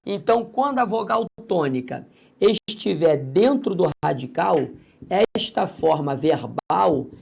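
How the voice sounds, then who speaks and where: Very gravelly, husky male teacher. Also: on the high side, unhurried. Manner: lively, addresses the student directly and coaxes them along. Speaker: grammar teacher. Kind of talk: recorded video lesson.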